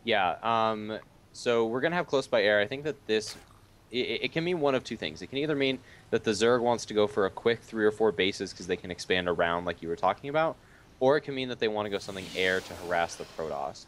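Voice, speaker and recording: Deep-voiced male game analyst. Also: a little fast. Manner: relaxed, explanatory, casual. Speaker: esports co-caster.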